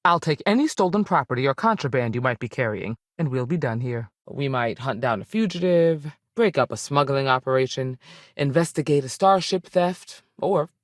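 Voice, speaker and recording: Here's a veteran space ranger from a video game, voiced by a woman with a bass register, lively intonation and a moderate pace. Firm yet fair, she speaks plainly and with authority, using folksy expressions in a measured tone. Clean studio sound, no echo.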